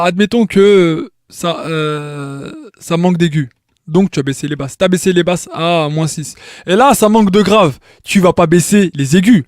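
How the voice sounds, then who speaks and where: Guy w a bit high voice walking thru a tutorial, keeps asking "ok?", dry sound. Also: a little mellow, no room sound. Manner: explains step by step, keeps checking with "d'accord?"; frequent restarts and repeated words. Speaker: tutorial maker. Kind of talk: informal tutorial explanation.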